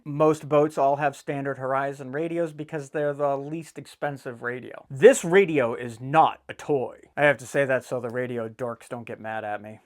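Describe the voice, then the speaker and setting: In a medium-pitched voice, a boating DIY channel host gives casual instructions from an office setting. He's a joker who swears freely, speaks bluntly with an irreverent edge, and talks folksily right to the people watching.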